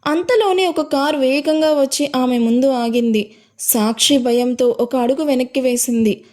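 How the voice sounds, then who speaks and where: A woman's voice: high voice, normal speed, a little mellow. A woman reading an audio love story aloud, giving the characters' lines a lift in her voice. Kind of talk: scripted narration of an audio story.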